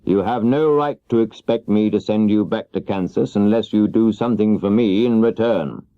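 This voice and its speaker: A man voicing a stern, commanding great wizard who speaks deliberately in a children's storybook. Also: fairly low pitch, no room sound, pitched above the performer's own voice, natural voice. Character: stern, bargaining great wizard, a giant head. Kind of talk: children's audiobook character voice. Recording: dull 1970s cassette audiobook.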